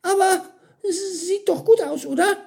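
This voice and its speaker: A man's voice: extremely high pitch, unhurried, vocal fry, darkish tone, voice pushed up, full character voice. A man voicing a clumsy, overexcited young waitress in a read-aloud story, squealing and breathless. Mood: eager, bubbly.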